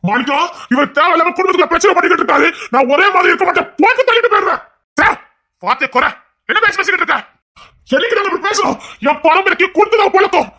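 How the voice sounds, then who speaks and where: A woman's voice: very high voice, lively intonation, racing, pushed and bright, full character voice. A woman voicing a hot-tempered middle-aged man, a maternal uncle who blusters, threatens and boasts about his family line in an audio family drama. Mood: indignant.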